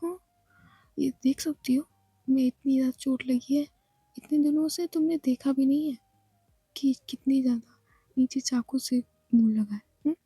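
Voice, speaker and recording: A woman's voice: high-pitched, fairly even intonation, normal speed, dark tone, slightly rough, no room sound. A woman whispering as a teasing injured young woman. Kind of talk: whispered role-play.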